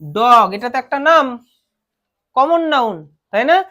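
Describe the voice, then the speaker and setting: A woman's voice: a little high, sing-song, measured pace, pushed and bright, muffled recording. A woman with a Bengali accent teaching a grammar lesson, explaining step by step and asking her students questions. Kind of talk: classroom lesson.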